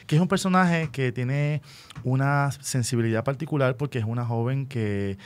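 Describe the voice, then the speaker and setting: A school educator with a Puerto Rican accent hosts an unscripted radio interview in a medium-pitched voice. He speaks deliberately and often checks in with short rhetorical questions.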